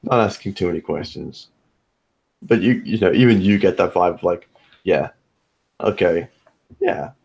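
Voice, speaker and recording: A man serving as game master, narrating a tabletop game in a laid-back, rambling way. His voice is low, gravelly and husky. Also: fairly quick, a little mellow.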